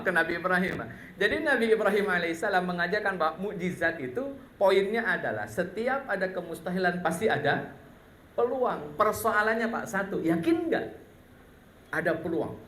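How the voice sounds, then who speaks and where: A man's voice: high-pitched, expressive, normal speed, bright, forceful tone. A man preaching a sermon, telling stories with humor and repeatedly addressing his listeners directly. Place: mosque hall. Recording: echoey mosque hall with faint noise.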